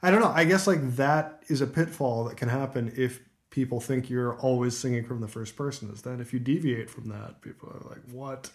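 A man's voice: mid-range voice, brisk, few pauses. Casual laughing man on a podcast. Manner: rambling, laughs often, lots of fillers. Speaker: podcast co-host. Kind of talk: casual music podcast chat.

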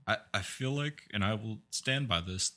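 A man from eastern Iowa co-hosting a podcast in casual chat, making dry deadpan jokes. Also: lowish voice, normal speed. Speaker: podcast co-host.

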